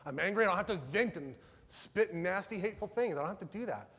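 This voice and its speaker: A man with a high voice preaches in a casual, talk-it-through way. He swings from loud, passionate bursts to hushed, tender passages. His words ring out with a long reverb, as in a large hall. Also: lively intonation, quick pace, slightly rough. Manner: passionate, conversational preaching with a wide swing between loud and soft. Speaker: pastor. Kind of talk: sermon.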